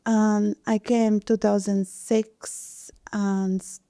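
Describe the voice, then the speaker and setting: Slow, soft-spoken Latvian-accented woman. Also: mid-range voice, level tone, clear, resonant tone, no room sound, studio quality. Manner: soft-spoken, careful non-native English. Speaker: guest, fashion designer. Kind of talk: interview answers.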